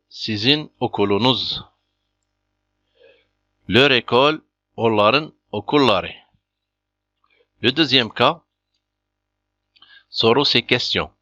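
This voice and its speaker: A man with a sharp, mid-range voice teaches a beginner language lesson, patiently and methodically repeating example after example. The recording is dull, lo-fi and dry, with no echo.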